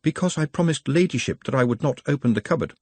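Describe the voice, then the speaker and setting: A man's voice: mid-range voice, animated, quick pace, a little mellow, husky, no echo, pitched above the performer's own voice. A man voicing a polite, patient young man who speaks formally and precisely. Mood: faint.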